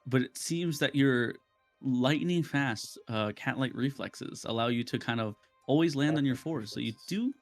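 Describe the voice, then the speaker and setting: A man's voice: medium pitch, normal speed, soft background music. A man narrating as game master for a tabletop game, teasing his players and laughing often.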